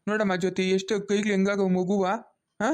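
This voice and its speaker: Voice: medium pitch, little pitch movement, fast talker, lightly acted. A cartoon voice of a stern, protective middle-aged village father, lecturing bluntly.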